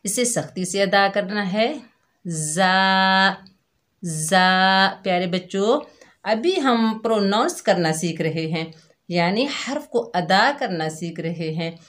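A woman teaching children to read letters, stretching each sound out and coaxing them gently. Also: medium pitch, measured pace. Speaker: Quran reading teacher for children. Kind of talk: slow patient recitation lesson.

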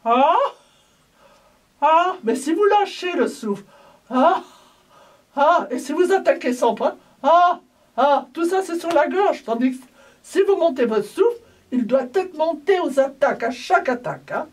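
A woman's voice: high-pitched, animated, unhurried. A woman voice teacher coaching a singing lesson, breaking off her instructions to demonstrate sung vowels. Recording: voice from far off the mic.

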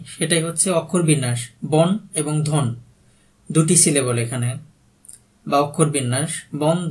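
A man with a Bangladeshi Bengali accent, working as an exam prep tutor and reading out quiz questions, each followed by its answer and a brief explanation. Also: fairly high pitch. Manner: reads each question then gives the answer plainly.

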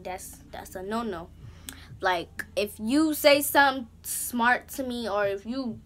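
Bright, chatty young woman vlogger. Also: on the high side. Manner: animated, slangy, rambling with asides. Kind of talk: casual story time monologue. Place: her bedroom. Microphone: camera's built-in mic.

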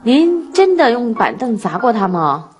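Woman, talk show host, probing questions, fairly high lively voice, long studio reverb. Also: measured pace, breathy edge.

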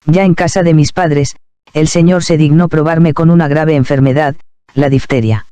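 A man calmly and reverently reading a first-person devotional memoir aloud as narrator. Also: fairly high pitch, moderate pace, clean tone, dry recording.

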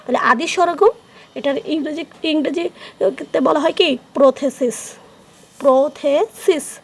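A woman's voice: high-pitched, measured pace, vocal fry, fairly bright tone. A woman with a Bangladeshi Bengali accent teaching an exam-prep grammar lesson, asking questions and then answering them herself and repeating the key terms.

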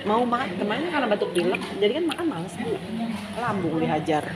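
A woman chats casually and bluntly in everyday slang. Her voice is mid-pitched, with loud chatter from many people around her. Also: big pitch swings, fast talker. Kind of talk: casual chat. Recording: loud crowd chatter behind.

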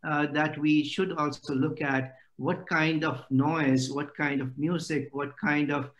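A middle-aged man delivers an academic talk over a video call. His voice sits a little high for a man. He pauses often and fills the gaps with "uh.". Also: fairly even intonation, a bit bright. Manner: hesitant, many "uh" fillers. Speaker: lecturer.

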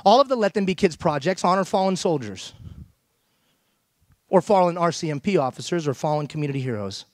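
On a big theater stage, a middle-aged man from Iran presents a motivational keynote with emphasis, regularly asking the audience questions. His fairly high-pitched voice has a darkish tone, sounding expressive and fairly quick. A headset mic gives echo-free, studio-quality audio.

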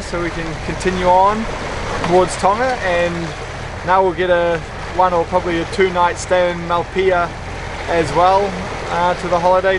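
A young man casually talking to camera from the deck of a sailboat at sea, relaxed and quick to laugh. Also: high voice. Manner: relaxed, chatty, laughs easily. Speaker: sailing vlog host. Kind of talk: casual vlog narration. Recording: wind and sea noise. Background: wind and water noise.

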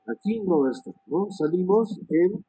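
A male networking instructor talks students through switch commands, thinking aloud, tagging lines with "¿no?" and filling pauses with "este". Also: high voice, animated, warm tone, slightly rough, no echo, rough recording. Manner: many "este" fillers and restarts. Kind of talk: live screen-share lesson on switch commands.

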